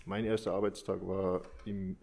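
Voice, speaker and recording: A man with a fairly low voice answers in an informal interview as a school caretaker. He keeps it brief and dryly jokey. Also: level tone, moderate pace, gravelly, a little mellow. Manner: dry, brief, joking answers.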